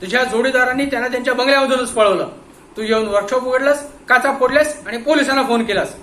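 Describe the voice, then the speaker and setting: A man doing a shouting police inspector. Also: extremely high pitch, brisk, echoey room, voice pushed up. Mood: accusing. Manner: shouting, forceful questions. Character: stern angry male police inspector, interrogating.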